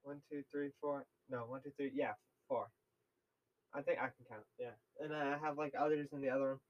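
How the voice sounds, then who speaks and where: A man's voice: medium pitch, level tone, fairly quick, lo-fi sound. A young man co-hosting a casual podcast chat, rambling with lots of fillers and laughs. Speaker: podcast co-host.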